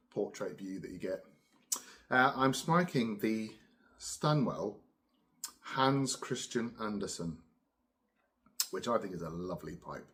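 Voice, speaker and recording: Middle-aged southern English man, lowish voice, casual solo chat, musing and unhurried, pausing to puff a pipe. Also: fairly bright tone. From Cambridge, England. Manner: unhurried, musing, with pauses between puffs on a pipe. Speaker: pipe-smoking video host.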